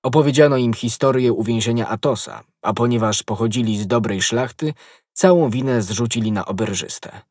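Husky man narrating an audiobook. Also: mid-range voice, no echo. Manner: steady, measured reading. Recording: dry close studio voice.

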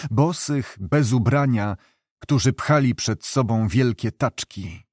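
A man narrating a literary novel in a measured, even reading. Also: medium pitch, no echo, studio quality. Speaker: audiobook narrator.

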